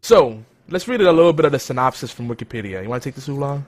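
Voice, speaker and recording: A man's voice: mid-range voice, expressive, fast talker. A man hosting a casual podcast segment, rambling with fillers and self-corrections. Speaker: podcast host. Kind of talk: casual chat.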